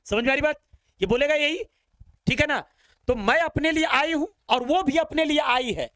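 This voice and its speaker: A man teaching spoken English in Hindi, coaxing students warmly as "beta" and repeating English phrases slowly. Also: extremely high pitch, no echo.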